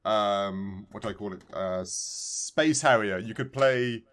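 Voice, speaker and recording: A man co-hosting a podcast chats casually about video games, enthusiastic and rambling. His voice is lowish and a bit bright, and he takes things slowly.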